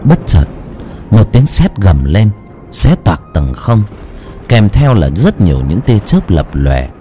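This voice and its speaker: A man narrating a ghost story in a slow, ominous, dramatic style. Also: lowish voice, very animated, warm tone, faint music behind. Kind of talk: scripted horror narration.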